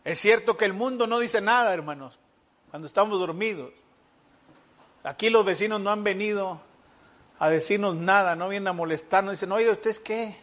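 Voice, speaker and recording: A man delivering an emphatic sermon in a strikingly high voice. He drives points home with rhetorical questions and briefly acts out the voices of neighbors and church members. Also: normal speed, pauses often, a bit bright. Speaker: pastor.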